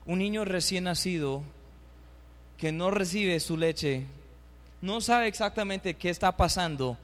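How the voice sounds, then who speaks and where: Male pastor, high-pitched, fervent sermon delivery, reads scripture and leads the congregation in call-and-response. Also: a little slow, in a large hall. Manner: fervent, climbs to loud, high emphatic bursts; reads scripture aloud and calls for the congregation to repeat. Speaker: preacher.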